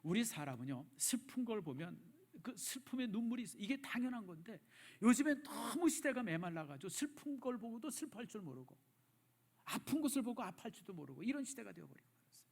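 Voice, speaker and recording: A middle-aged male pastor preaching in a church, emotive, dropping from loud emphasis to hushed, near-whispered repeats. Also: high voice, very animated, fast talker, creaky, slightly rough. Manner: addresses the congregation directly, repeats phrases for emphasis. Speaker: senior pastor. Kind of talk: sermon. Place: church sanctuary.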